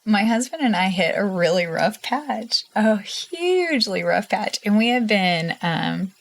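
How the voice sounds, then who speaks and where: A woman's voice: mid-range voice, expressive, measured pace. Candid woman sharing an emotional story. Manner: earnest and emotional, with frequent laughs. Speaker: interview guest. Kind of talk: candid personal interview.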